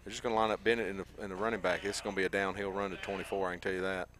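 A man's voice: sits low, flat delivery, very fast, a bit bright. A man giving casual live football analysis as a color commentator. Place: football stadium broadcast position. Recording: faintly noisy live stadium broadcast. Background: stadium ambience.

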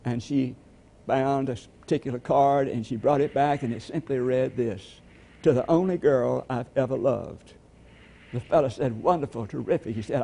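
A man delivers a sermon, slowing down to repeat key phrases for emphasis. His voice is gravelly and dark, with a husky edge. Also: medium pitch. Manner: preaching with slow emphatic repetitions. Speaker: pastor.

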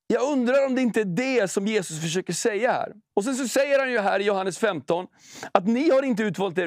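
High-voiced, gravelly male preacher. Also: no echo, clean studio sound. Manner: conversational, storytelling, slow and emphatic when reading scripture. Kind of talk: sermon with prayer and personal story.

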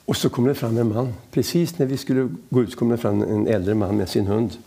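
Gravelly, husky man telling stories. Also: medium pitch. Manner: lively storyteller who acts out quoted dialogue. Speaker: evangelist guest. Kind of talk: anecdotal storytelling in conversation.

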